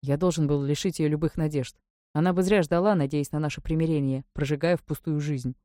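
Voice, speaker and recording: Woman doing a cold stern lord, low dark curt voice, dry sound. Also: steady tone, a little fast, no echo, lightly acted. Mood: cool. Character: cold stern male ruler, unyielding.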